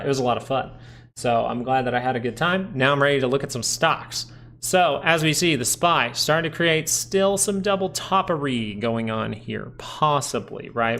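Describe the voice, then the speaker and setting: A man hosts a live market stream in a relaxed, conversational way. He keeps an easy mid-range voice and talks through the charts as though chatting with regular viewers. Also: mid-range voice. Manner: chatty, thinking aloud over charts. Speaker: stock market livestream host. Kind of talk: casual live market commentary.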